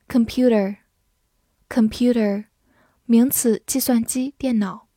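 A woman teacher reviewing English vocabulary, saying each word twice slowly before calmly giving its meanings. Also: mid-range voice, no echo, clean studio sound. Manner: says each word twice slowly, then calm definitions.

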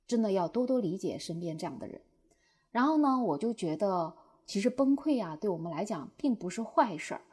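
A young woman telling viewers a personal story in a lively way, acting out her own past outbursts. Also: medium pitch, slightly rough. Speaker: short-video creator.

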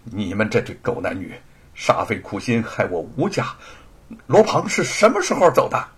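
A man voicing a cold, commanding young swordswoman in a storytelling performance, with a husky voice. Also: lowish voice, big pitch swings, moderate pace, full character voice. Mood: stern. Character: stern sword-wielding heroine, young woman.

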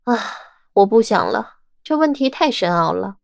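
A woman's voice: a little high, sing-song, normal speed, gravelly, no echo, muffled recording. Woman voicing a stubborn, wry young investigator. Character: sharp, stubborn young investigator who argues everything. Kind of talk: audiobook drama acting.

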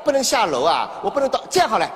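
A shrill, sly old Shanghai grandmother, as a man puts her on in a stage comedy sketch, with a Shanghai accent. She mocks and plays dumb in a very high voice that swoops widely. A long hall echo and an audience sit behind her. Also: very animated, rapid-fire. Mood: mocking. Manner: mocking, feigns confusion, teases. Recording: reverberant hall with audience and noise.

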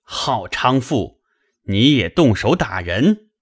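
A drunk young nobleman blusters and threatens in a lively, swinging voice. He speaks slowly and heavily, his pitch rising and dropping with every outburst. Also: dry recording, studio quality. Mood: drunk angry. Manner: blustering, loud, heavy.

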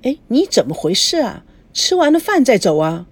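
A sharp-tongued middle-aged mother who scolds and suspects everyone, played by a woman reading the story. Her voice is breathy and jumps in pitch. It is recorded dry and close. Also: sing-song, normal speed, no echo. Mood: puzzled.

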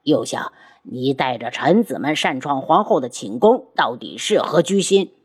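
A woman's voice: a bass voice, animated, normal speed, breathy edge, pitched below the performer's own voice, exaggerated voice. A woman voicing a furious, domineering male emperor who barks commands in a storybook reading. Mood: angry. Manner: commanding, threatening.

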